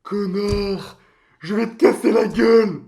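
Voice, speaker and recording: Man playing a crude, high-pitched mascot creature. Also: a little slow, darkish tone, natural voice. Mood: indignant. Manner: slangy, crude, hesitant rambling storytelling with outbursts. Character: crude, touchy male mascot creature, boastful storyteller. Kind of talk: comic mock interview, in character.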